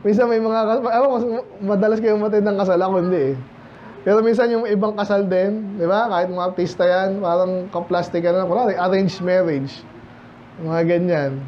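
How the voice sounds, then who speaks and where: A man's voice: high-pitched, steady tone, fairly quick, highs cut off, slight background noise. A man with a Filipino accent preaching a casual, joking midweek Bible study sermon to his congregation. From Philippines. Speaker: pastor. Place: church.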